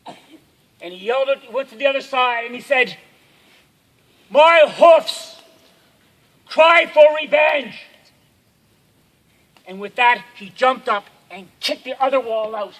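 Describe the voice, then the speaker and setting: A man with a very high voice telling a spooky tale around a campfire. He tells it dramatically, dropping to a hush and then rising loud. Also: moderate pace, low-quality recording. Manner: dramatic, swings from hushed to loud. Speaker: camp storyteller. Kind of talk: campfire storytelling.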